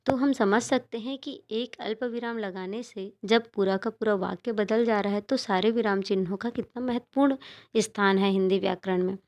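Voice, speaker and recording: A woman teacher gives a grammar lesson to children, taking each point slowly and patiently. Her voice sits at an ordinary middle pitch for a woman, and she repeats examples carefully so young listeners can follow. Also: fairly even intonation. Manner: slow, patient, explaining step by step.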